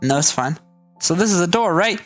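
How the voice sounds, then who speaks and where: A man's voice: high-pitched, animated, brisk, faint music behind. A man hosting a game video, explaining things casually as he plays. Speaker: gaming channel host.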